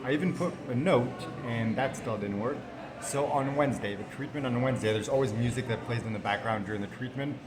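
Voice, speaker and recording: A man's voice: mid-range voice, fairly quick, noisy background. A man talking casually to camera in a rambling, self-deprecating, matter-of-fact way, recording indoors in a hospital corner. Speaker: vlogger documenting cancer treatment. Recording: public indoor space, background chatter.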